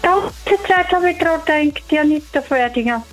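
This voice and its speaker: A woman calls in over a phone line, her voice sitting high. She talks fast and excitably, exclaiming and laughing at herself. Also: faint music behind. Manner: excited, exclaiming, self-mocking. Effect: heard over the phone line. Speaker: caller on a radio prize call. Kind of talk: casual phone chat.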